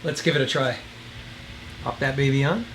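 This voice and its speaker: In a casual outdoor gadget demo, a man thinks aloud with folksy rambling while wind swirls nearby. His mid-range voice is a bit bright and moderately paced; he's a radio reviewer and video host, and the audio is poor.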